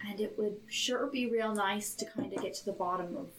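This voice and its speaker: A woman's voice: medium pitch, fairly quick, low-quality recording. A woman chatting casually as a player in a tabletop role-playing game. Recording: plucked guitar music behind.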